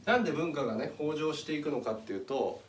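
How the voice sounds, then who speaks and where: A channel host gives a casual explanatory talk step by step, pointing things out on a chart as he goes. His voice is fairly high with lively intonation and a quick pace. The mic sits at a distance in an echoey room, and there's a slight hiss or hum.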